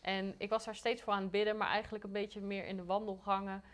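A woman's voice: medium pitch, level tone, quick pace. A woman co-leading a sermon, speaking hesitantly with many fillers. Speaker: co-preacher.

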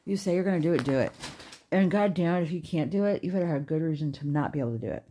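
A woman's voice: low-pitched, very fast, mellow, slight background noise. A woman with children ranting in a casual podcast monologue, blunt and heavy on profanity. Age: adult with children. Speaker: podcast host.

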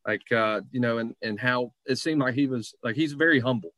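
A man's voice: medium pitch, fairly quick, fairly bright tone, no echo. A man hosting a casual sports chat in a rambling, conversational way. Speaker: sports show host.

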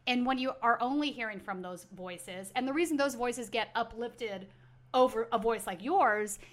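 A woman's voice: fairly high pitch, moderate pace, fairly bright tone. A woman with an American accent hosting a casual political interview. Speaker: show host.

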